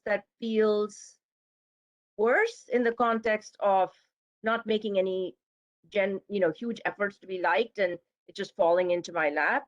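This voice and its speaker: A woman's voice: medium pitch, dull audio. A woman psychiatrist speaking on a panel over a video call, candid and thoughtful. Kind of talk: professional panel discussion.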